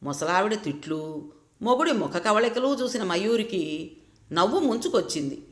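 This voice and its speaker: A woman narrating a story aloud in an expressive, lively reading manner. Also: medium pitch, moderate pace, echoey room.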